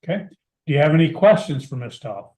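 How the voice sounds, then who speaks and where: A man's voice: a little high, expressive, fairly quick, warm tone. A man speaking as a judge in formal court proceedings, putting questions in procedural, formulaic wording, with a roomy echo. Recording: roomy, echoing sound.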